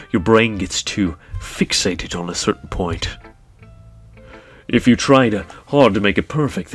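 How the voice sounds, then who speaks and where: A sinister young woman who leads a literature club, as a man puts her on, speaks in a breathy, husky whisper. Her slow, drawn-out lines sound menacing in a low register, over faint game music.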